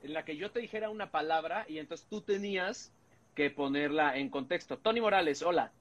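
A man in his forties with a Mexican accent, co-hosting a casual podcast, animated and slangy with lots of swearing. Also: a little high, fairly quick. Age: 40s. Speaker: podcast co-host. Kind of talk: casual comedic chat.

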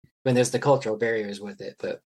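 Male podcast guest, husky breathy tone, loose rambling delivery with lots of fillers. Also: on the low side, fairly even intonation, fast, low-quality recording. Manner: rambling, filler-heavy, trails off softly. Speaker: guest anthropologist. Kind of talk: casual podcast conversation.

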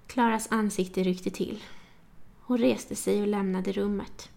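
Gravelly-voiced woman narrating an audiobook. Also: medium pitch, fairly even intonation, darkish tone. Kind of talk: scripted narration.

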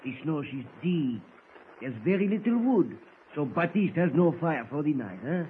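An actor playing a jolly, boastful French-Canadian woods guide with a put-on accent and broken English, in a 1940s radio drama. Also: male voice, fairly high pitch, sing-song, normal speed. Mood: boastful storytelling. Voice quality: broken English, theatrical storyteller. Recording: dull old radio recording, faint hiss.

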